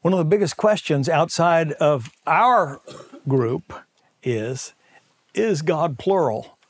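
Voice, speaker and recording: A middle-aged man preaching a conversational sermon, acting out quoted voices and dropping to soft near-whispers. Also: a little high, expressive, slow, dry recording. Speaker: pastor.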